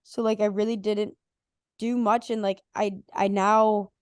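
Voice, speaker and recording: A young woman in her twenties with a hoarse, worn-out voice, co-hosting a casual podcast chat and rambling with lots of fillers. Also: medium pitch, level tone, unhurried, darkish tone, no echo, studio quality. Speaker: podcast co-host.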